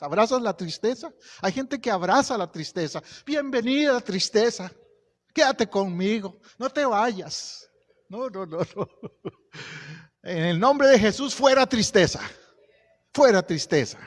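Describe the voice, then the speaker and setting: Male pastor, high voice, conversational sermon, echoing church hall. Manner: conversational preaching, asks the congregation questions. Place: church sanctuary.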